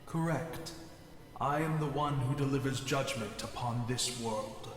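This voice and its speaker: In scripted video game acting, a man voices a solemn, otherworldly harbinger who judges the world, delivering formal, grandiose pronouncements. His natural, medium-pitched voice moves a little slowly. The recording has echoey, hall-like reverb and a slight hiss or hum.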